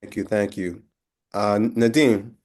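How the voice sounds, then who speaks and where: A man's voice: lowish voice, steady tone, slow, a little mellow. A man hosting a casual video call, thanking each guest and calling on the next speaker. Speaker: host of the session.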